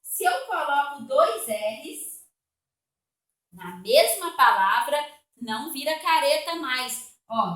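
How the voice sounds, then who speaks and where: A woman with a Brazilian Portuguese accent, teaching a recorded spelling lesson for children, patient and slow, repeating words to explain them. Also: sits high, fairly bright tone, echoey room.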